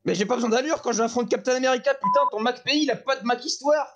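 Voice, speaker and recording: A man's voice: extremely high pitch, fast talker, over music, pitched above the performer's own voice. A man voicing an aggressive, foul-mouthed young punk woman in a tabletop game, hurling insults. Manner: crude, insulting, hot-tempered.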